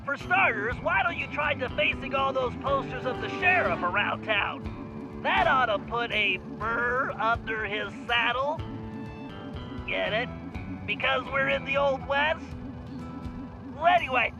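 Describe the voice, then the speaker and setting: A nerdy, eager turtle planner briefs his partner with puns in a game cutscene. His voice is very high. Game music plays underneath. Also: highs cut off. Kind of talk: video game cutscene acting.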